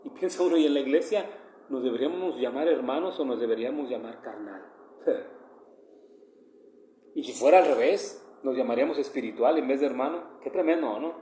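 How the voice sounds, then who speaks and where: A man's voice: mid-range voice, brisk, mellow, roomy sound, slight background noise. A man with a northern Mexican accent, giving a devotional meditation in a conversational, earnest way that often turns emphatic. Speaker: preacher.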